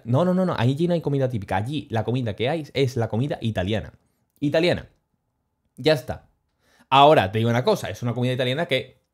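A man telling a travel story on his stream in a casual, animated, slangy way, chuckling as he goes. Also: medium pitch.

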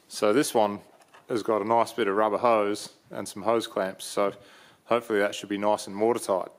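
A young Australian vlogger casually explains swapping a car part inside a large metal workshop shed, where his voice echoes. He speaks at a moderate pace with a fairly low pitch, relaxed and plain-spoken, with frequent ums and uhs.

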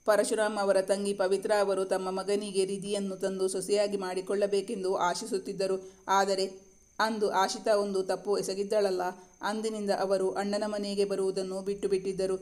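A male storyteller with a fairly high voice that barely moves in pitch. He reads a scripted romance story in an even, measured way. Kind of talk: scripted narration.

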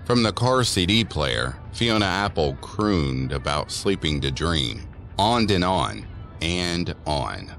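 Playing the storyteller of an eerie teen tale in an audio drama, a man reads a scripted spooky story slowly and in a measured way. His low-pitched voice is creaky, sing-song and fairly bright, performed as a full character voice over background music.

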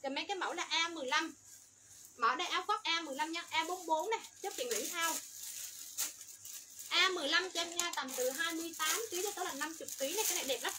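Woman, livestream seller, high voice, breakneck pace, noisy room behind her. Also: rapid-fire, sharp tone. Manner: rattles off product codes and sizes, upbeat selling. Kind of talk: fast livestream sales pitch.

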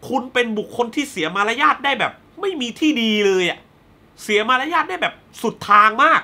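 A male film reviewer with a bright, forward voice talks through a film in a loose, spoiler-heavy way. He is blunt and fired up and swears freely before apologizing. He slips into quick acted-out lines of dialogue while he recaps scenes. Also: very high voice, big pitch swings. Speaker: movie reviewer.

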